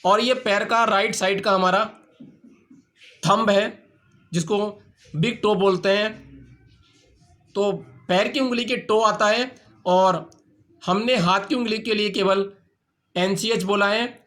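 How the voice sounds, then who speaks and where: A man's voice: sits high, steady tone, measured pace, pauses often, fairly bright tone. A man teaching an acupressure treatment, explaining each step patiently and repeating the points. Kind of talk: instructional demonstration.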